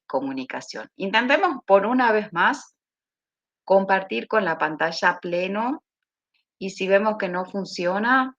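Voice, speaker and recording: A woman university lecturer with an Argentine accent explains her seminar material at an even, measured pace, stopping now and then to think. Her voice sits a little low for a woman. It comes through a muffled, lo-fi video call. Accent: Argentine Spanish. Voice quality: steady, explanatory, with thinking pauses. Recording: dull lo-fi video call audio.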